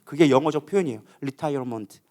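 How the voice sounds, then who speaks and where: A man's voice: fast, warm tone. A man, a pastor, preaching a sermon at a prayer meeting, emphatic and questioning the congregation, acting out inner voices as his voice climbs. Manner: emphatic, acts out inner voices with rising pitch. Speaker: co-lead pastor.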